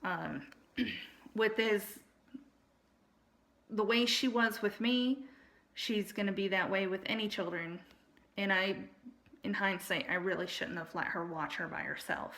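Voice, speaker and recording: An adult woman shares a personal account in casual, unscripted speech. Her voice is bright and tense, sitting at an average pitch for a woman. She explains each point deliberately, with an aggrieved edge. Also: vocal fry. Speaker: storyteller recounting personal family experiences.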